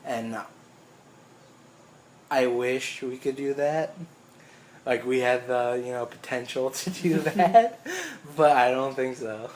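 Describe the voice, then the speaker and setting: A man's voice: medium pitch, takes it slowly, pauses often, darkish tone. A young man hosts a loose chat about video games, wandering off on tangents and swearing casually. He laughs often as he talks. A faint hiss of background noise sits under his voice. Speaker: co-host.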